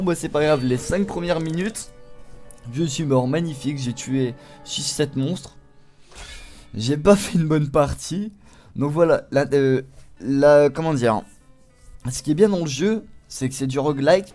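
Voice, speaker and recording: A man talks through a video game at a mid-range pitch, swearing freely and breaking into loud reactions as he plays. His commentary is casual and rambling. Faint music plays under his voice. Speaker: let's play host.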